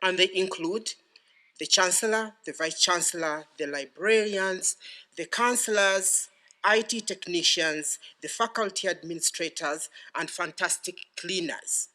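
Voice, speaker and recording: A middle-aged man with a Ugandan accent giving a formal, ceremonial podium speech with deliberate phrasing. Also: high voice, bright, forceful tone. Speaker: graduating PhD student giving vote of thanks.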